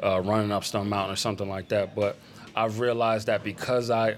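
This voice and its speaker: A man's voice: lowish voice, little pitch movement, brisk, a little hiss or hum. A man in his thirties, a photographer guesting on a podcast, talking in a laid-back, rambling way with many fillers. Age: 30s. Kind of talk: casual podcast conversation. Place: event space.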